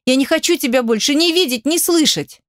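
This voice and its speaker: A woman's voice: on the high side, animated, normal speed, darkish tone, dry recording, studio quality, close to an everyday voice. A woman voicing a proud young ballerina in an audiobook, speaking in shaky, angry outbursts.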